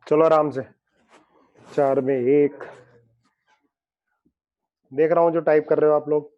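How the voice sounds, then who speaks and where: A male chemistry teacher with a high voice teaches an online class in a playful, teasing way. He explains with everyday analogies. The recording is dull and lo-fi. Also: steady tone, takes it slowly. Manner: joking, teasing students by name. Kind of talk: online lecture.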